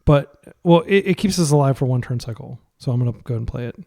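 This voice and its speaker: A young gaming commentator talks casually through a card game he's playing, thinking aloud with plenty of fillers in a chatty way. His medium-pitched voice is gravelly yet mellow, and he speaks animatedly and fast.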